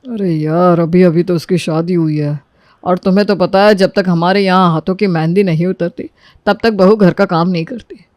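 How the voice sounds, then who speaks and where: Man voicing a gentle, placating husband. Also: high-pitched, steady tone, moderate pace, dry recording, clean studio sound, close to an everyday voice. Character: easygoing young husband, placating his wife.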